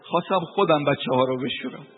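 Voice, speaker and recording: A man's voice: a little high, slight background noise. A man delivering a mournful sermon, telling a grieving story and reciting Arabic passages. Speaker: preacher. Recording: tinny phone-like broadcast.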